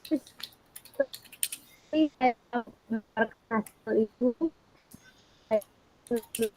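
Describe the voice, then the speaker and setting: A woman teacher speaking in halting, broken-up phrases over a video call, her voice choppy and robotic from glitching audio. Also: a little high, darkish tone, slight background noise. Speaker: teacher in an online training meeting. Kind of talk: reporting to a video call group. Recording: dull, lo-fi online call audio.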